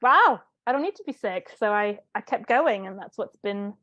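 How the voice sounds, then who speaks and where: A woman's voice: mid-range voice, expressive, normal speed, fairly bright tone, no echo, highs cut off. A woman who grew up in Italy, a guest on an interview, telling her story in an earnest and reflective way. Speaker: guest, life coach. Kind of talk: interview conversation.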